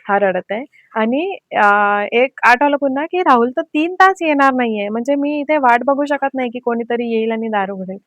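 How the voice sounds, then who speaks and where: A young woman tells a scary personal story in a casual vlog manner, her voice sitting somewhat high. She talks with an anxious edge, leaning on fillers and pauses. The sound is dry and close, with no room echo. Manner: anxious, vivid retelling with many fillers. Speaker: vlogger.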